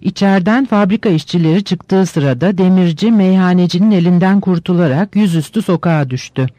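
A man reading a novel aloud in steady, measured scripted narration. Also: high-pitched, no echo.

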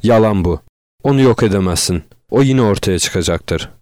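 A man voicing a frightened young woman held captive, speaking in halting, pleading words. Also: fairly low pitch, expressive, a little mellow, dry recording, clean studio sound, natural voice.

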